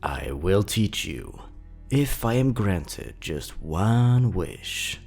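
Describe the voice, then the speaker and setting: A man plays a grim god of death in a storybook legend. The voice is low, slow and ominous, weighing each word with menace over faint music. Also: very animated, a little mellow, exaggerated voice. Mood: bargaining, ominous.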